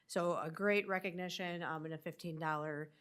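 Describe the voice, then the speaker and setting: A woman's voice: on the low side, fairly even intonation, moderate pace, a bit bright. Woman with a nasal cold voice. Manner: upbeat, with many fillers. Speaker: school district superintendent. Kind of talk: formal meeting update. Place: school board meeting room.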